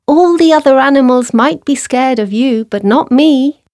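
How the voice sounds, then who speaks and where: A woman voices a brave little female mouse in a storybook, sounding chirpy, eager and bold. She speaks at a normal pace in a high, darkish voice set above her own natural one yet close to everyday speech, recorded dry and clean in a studio.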